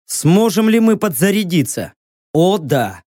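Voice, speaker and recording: A man's voice: high-pitched, very animated, measured pace, warm tone, no room sound, studio quality. A man narrating a fantasy novel audiobook with an intense, rousing delivery. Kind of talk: dramatic audiobook reading.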